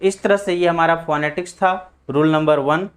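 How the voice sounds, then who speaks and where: Teaching pronunciation to a class, a man with a slightly high voice keeps a steady tone. He spells out words one letter at a time and drills them slowly, asking questions and supplying the answers himself.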